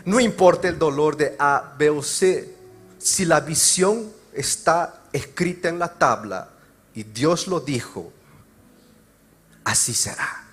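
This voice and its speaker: A male pastor preaching a sermon, moving between loud emphatic passages and quiet, slow explanation. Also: fairly high pitch, animated, husky. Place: church service.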